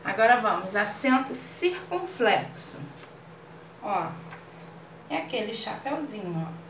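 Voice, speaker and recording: Brazilian female teacher, slow deliberate delivery, slightly high voice, roomy distant mic, faint room hiss. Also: a bit bright. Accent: Brazilian Portuguese. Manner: patient, explains slowly and checks understanding with "ok?". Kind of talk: online class lesson.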